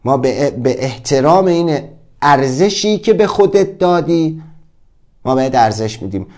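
A man's voice: fairly high pitch, expressive, a little mellow. A man delivering an emphatic motivational self-help monologue, acting out dialogue with shifting voices. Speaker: motivational speaker.

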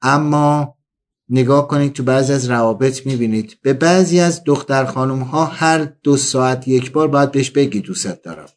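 A man delivering a comic storytelling monologue, acting out the people he quotes. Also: mid-range voice. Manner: animated, acts out quoted dialogue.

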